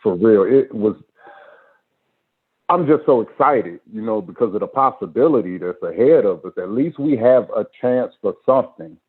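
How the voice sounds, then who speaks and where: A man talking casually on a group voice chat, earnest and halting, restarting his sentences as he goes. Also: lowish voice, lively intonation, breathy edge. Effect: heard over a group voice chat line. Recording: tinny phone-like voice chat audio.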